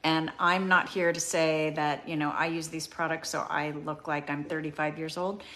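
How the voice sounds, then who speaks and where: A woman in her fifties hosting a casual beauty product demonstration, chatty and often pausing on "um". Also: deep voice, flat delivery, fairly bright tone. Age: 50s. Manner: chatty, with frequent ums. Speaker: beauty show host.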